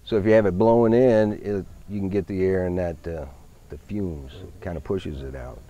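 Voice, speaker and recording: A man in his fifties, talking casually outdoors at a show field, relaxed and full of fillers. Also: deep voice, normal speed, highs cut off. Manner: easygoing, many fillers, technical car talk. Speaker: van owner. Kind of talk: casual interview.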